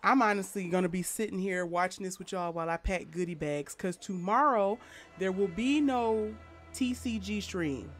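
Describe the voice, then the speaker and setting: A woman's voice: mid-range voice, moderate pace. A woman streaming a game live, chatting casually and playfully between bits of play. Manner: chatty, playful, laughs easily. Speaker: gaming streamer. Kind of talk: casual live gameplay chat. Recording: game music playing underneath. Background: game soundtrack.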